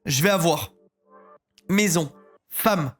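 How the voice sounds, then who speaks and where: A man's voice: on the high side, slow pace, over music. A man streaming live, chatting casually and joking while he has a cold. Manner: joking, laughs often, swears casually. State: has a cold, stuffy and sick.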